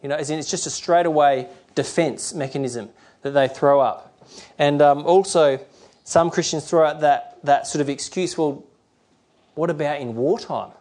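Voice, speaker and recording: A middle-aged man delivers a sermon in an easygoing, conversational way. He rambles and restarts, slipping into little acted-out quotes of other people. His voice sits a touch high for a man. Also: normal speed, darkish tone. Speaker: preacher.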